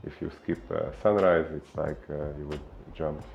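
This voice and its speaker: A man from Hungary with a Hungarian accent, a fitness coach giving an unhurried explainer talk full of filler pauses. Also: a bass voice, fairly even intonation, gravelly, a little mellow, lo-fi sound, faint music behind.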